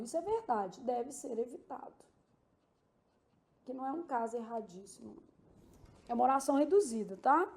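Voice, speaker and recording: This exam-prep Portuguese lesson is led by a woman whose voice sits high and who has a Brazilian Portuguese accent. She walks through each step and keeps checking in with "tá?" and "né?".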